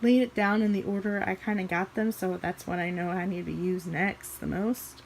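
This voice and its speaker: A young beauty vlogger from Missouri chats casually in her bedroom about her makeup collection, rambling with small restarts. Her mid-range voice is a little scratchy from allergies, with fairly even intonation and a normal speaking speed.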